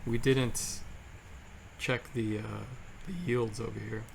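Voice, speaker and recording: A man's voice: lowish voice, little pitch movement, slow pace, gravelly, a little hiss or hum. A man hosting a livestream, chatting casually and joking crudely. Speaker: livestream host. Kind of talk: casual chat.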